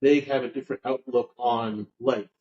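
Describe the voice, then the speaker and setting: A male podcast host chats loosely, circling his point with fillers and restarts. His voice sits at an ordinary middle pitch, and the recording sounds muffled and lo-fi. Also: fairly even intonation, normal speed, darkish tone, husky. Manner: rambling, full of fillers. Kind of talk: casual podcast conversation.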